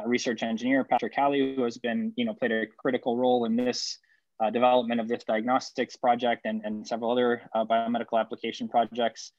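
A man's voice: medium pitch, no echo. Guy from el salvador raised in ohio giving a zoom talk, lots of uhs, kinda muffled dry audio. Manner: loose, many fillers and repeated words. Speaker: engineering professor presenting research. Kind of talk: conference talk over video call. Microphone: video call.

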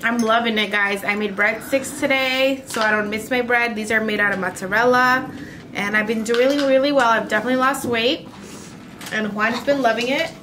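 A chatty young woman talks to her viewers over dinner at home, her voice sitting a touch high. Plates and cutlery clatter loudly all around her. Now and then she drifts into Spanish mid-thought. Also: fairly even intonation, moderate pace. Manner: chatty, switching into Spanish at times. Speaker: vlogger. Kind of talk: casual vlog chat while eating. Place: home dining table. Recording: loud dish and cutlery noise. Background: dishes clattering.

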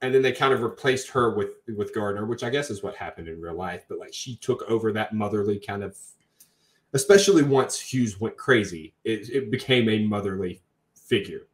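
A man's voice: fairly low pitch, animated, moderate pace. A young man co-hosting a casual film review podcast, rambling and chatty. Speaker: podcast co-host.

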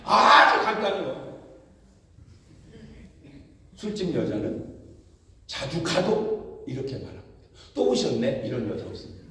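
A male pastor preaching a humorous revival sermon, telling lively stories and mimicking other people's voices. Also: medium pitch, a little slow, pauses often. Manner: animated storytelling with mimicked voices and laughter. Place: large church hall. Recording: echoey church hall, picked up from far off.

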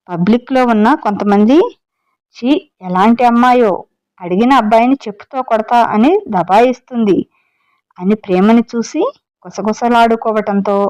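A woman's voice: mid-range voice, a little mellow, rough recording. A woman narrating a story, voicing the characters' dialogue herself. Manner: narrates and voices all characters in quoted dialogue.

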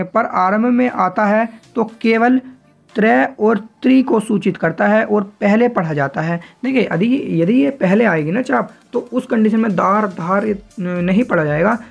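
A man teaching a shorthand lesson, explaining each step patiently and often checking that it is clear. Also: sits high, lo-fi sound. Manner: patient, repeats points, often asks if it is clear.

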